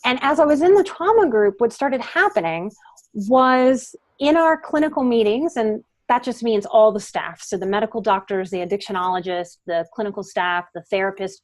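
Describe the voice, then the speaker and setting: A woman's voice: medium pitch, animated, moderate pace. A middle-aged woman talking on a podcast as a guest psychotherapist. She speaks earnestly and leans hard into the key words. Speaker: guest psychotherapist and life coach. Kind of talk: podcast interview.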